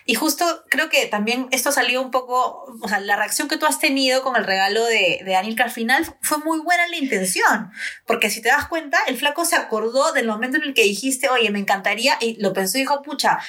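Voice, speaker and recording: A woman in casual chat, reacting quickly and chatting freely. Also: high voice, lively intonation, bright, forceful tone.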